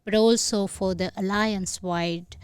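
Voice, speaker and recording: A woman from Sri Lanka, a podcast guest, explaining her program in a measured way with some hesitant fillers. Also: mid-range voice, fairly even intonation, clean tone, no echo, clean studio sound. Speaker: guest, incubator head. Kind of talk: podcast interview.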